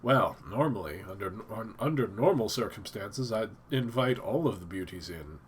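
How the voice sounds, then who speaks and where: A man's voice: fairly low pitch, lively intonation, normal speed, a little hiss or hum. A man hosting a casual live stream from his home office, stuffed up and thinking aloud with many fillers and restarts.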